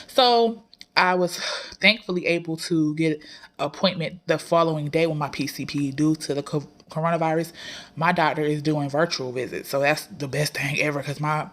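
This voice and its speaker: A woman vlogger giving a casual, conversational personal update, with a congested nasal sound as if her nose is packed. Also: sits low.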